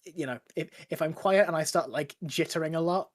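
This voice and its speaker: A race commentator calling results in excitable bursts, voice a little worn from shouting. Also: mid-range voice, brisk. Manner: excitable, rattles off positions. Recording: loud music underneath.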